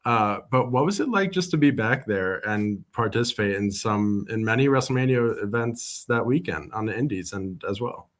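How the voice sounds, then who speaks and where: A man's voice: lowish voice, moderate pace, few pauses. A man hosting a podcast interview, asking questions in a friendly, laid-back way. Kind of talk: casual interview.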